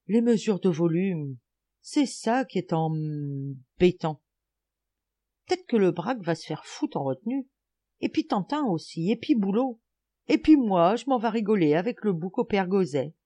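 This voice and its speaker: A woman voicing a rowdy, excitable peasant schoolboy who shouts and swears in coarse rural slang. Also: medium pitch, a little slow. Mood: boastful.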